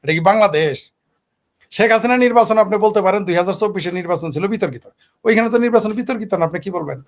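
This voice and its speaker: A man's voice: sits high, lively intonation, fast talker. A man from Bangladesh with a Bangladeshi Bengali accent, giving heated political commentary on a talk show and firing off rhetorical questions. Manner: combative, fires rhetorical questions.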